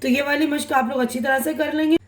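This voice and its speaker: A young woman with a high, light voice gives an online language lesson. She reads each example word slowly and carefully, and keeps pausing to check that her students are following. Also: fairly even intonation, echoey room. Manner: reads example words slowly and deliberately, with frequent checking tags. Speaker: Urdu teacher.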